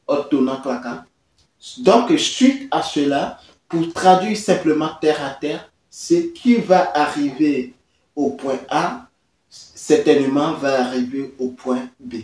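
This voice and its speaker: A man speaks in a slightly high voice at a very unhurried pace. He hosts his own channel and stops often on long "euh" fillers. His voice sounds roomy and a bit far from the mic. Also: a little mellow. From Côte d'Ivoire. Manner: halting, many drawn-out "euh" fillers. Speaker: host. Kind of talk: hesitant talking-head commentary.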